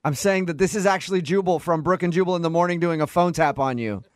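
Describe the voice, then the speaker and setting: Heavy background noise surrounds a fast-talking man with a fairly high voice. He's a radio host making a prank call, keeping a straight face, pretending not to understand, and suppressing laughter.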